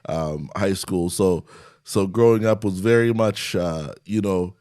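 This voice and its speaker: A young Canadian man, a stand-up comedian, talks casually as an interview guest and chuckles often. His voice sits low and dark, his pace unhurried. The sound is clean studio audio with no echo.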